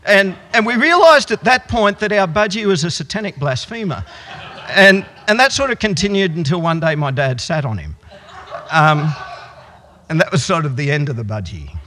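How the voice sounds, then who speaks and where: Lively male preacher in an echoey hall. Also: on the high side, moderate pace, slight background noise. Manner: storytelling, swings from loud to hushed for emphasis. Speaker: pastor. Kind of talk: sermon. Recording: echoey hall with long reverb.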